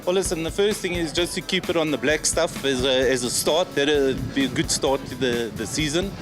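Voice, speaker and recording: A man's voice: on the high side, normal speed. Casual male driver, music behind. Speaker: racing driver. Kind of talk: casual interview answer. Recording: music under the voice.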